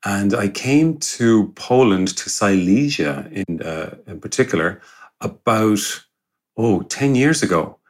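A man with a west of Ireland accent chatting casually in a relaxed, wry, joking way. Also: on the low side, a little slow. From Galway, west of Ireland. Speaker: podcast co-host. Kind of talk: casual chat.

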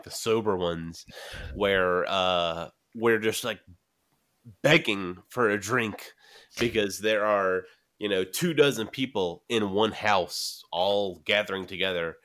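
A man's voice: fairly low pitch, fairly bright tone. A man in his late twenties on a casual podcast, a bit drunk and rambling, laughing often. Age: 20s. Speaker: podcast co-host. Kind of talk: casual chat.

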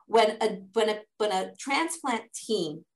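In a reverberant interview, a charity fundraising director explains what her organization does. She is a middle-aged native English speaker based in Israel, with a mid-range, expressive voice and a slow pace. Her answers are earnest and step-by-step, and she often starts over.

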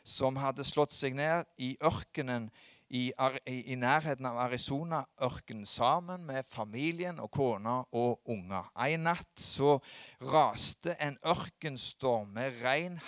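A middle-aged man preaching a sermon, swinging between loud emphatic peaks and low quiet asides. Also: no echo, clean studio sound. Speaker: pastor.

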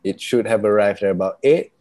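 A man from northern Malaysia, a guest on a podcast over a video call, talking haltingly with dry humor and Malay phrases mixed in. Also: fairly low pitch, darkish tone. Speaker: podcast guest, improv performer. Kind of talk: casual chat.

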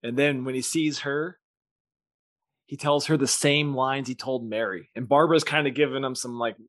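A man's voice: mid-range voice, fairly even intonation, moderate pace, no echo, studio quality. Man co-host spinning a comic story, loose and slangy, full of fillers. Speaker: podcast co-host. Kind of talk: casual brainstorming chat.

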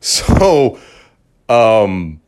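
A man hosting a podcast, talking in a rambling, joking casual monologue with big swings in pitch. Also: big pitch swings, extremely slow, a little mellow, clean tone. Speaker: podcast host.

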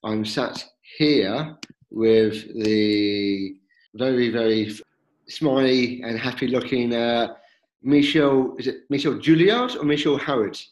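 A man hosts a podcast interview in a friendly, easygoing way, often stopping to restart his questions. His voice sits at a middle pitch for a man. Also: a little slow, echoey room, poor audio. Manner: friendly, hesitant with fillers and restarts.

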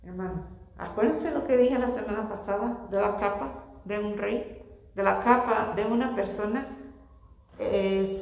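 A woman's voice: fairly high pitch, gravelly, darkish tone. Woman preaching in an echoey hall. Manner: fervent, addresses congregation as brothers. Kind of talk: sermon with scripture reading. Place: church.

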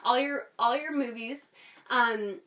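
A woman's voice: on the high side, slow pace, recorded from a distance, a crowd in the background. A woman hosting a casual podcast conversation, speaking in an earnest, candid way, with S sounds that whistle. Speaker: podcast host.

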